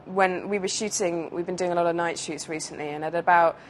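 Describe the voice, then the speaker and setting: British actress, lower register, chatty and rambling with fillers, faint background noise. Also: female voice, fairly even intonation, fairly quick. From United Kingdom. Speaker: actress being interviewed. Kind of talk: casual interview chat.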